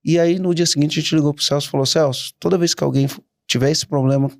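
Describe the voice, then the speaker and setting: A middle-aged man, a guest entrepreneur telling stories in a casual interview, animated and quick to restart his sentences. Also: on the high side, creaky, dry recording. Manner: animated, anecdotal, frequent restarts.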